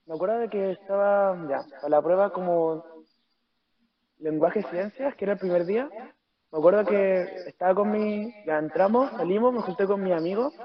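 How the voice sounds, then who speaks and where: A man's voice: high voice, dull audio. A young man with a Chilean accent rambling through a memory in casual chat, restarting his sentences as he goes. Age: young adult. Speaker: podcast guest.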